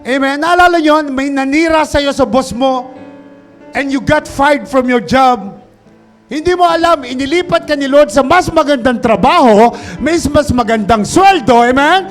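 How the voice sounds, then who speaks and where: A male pastor preaching an animated sermon, mixing Tagalog and English, calling out to the congregation and shouting for emphasis. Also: very high voice, unhurried, faint music behind.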